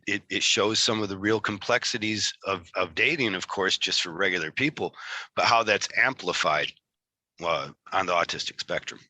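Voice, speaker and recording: Bright-voiced man with a Michigan accent. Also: fairly low pitch, no echo. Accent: Michigan, Great Lakes. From Michigan, United States. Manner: rambling, self-deprecating, apologetic. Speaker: interview host. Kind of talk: casual chat interview.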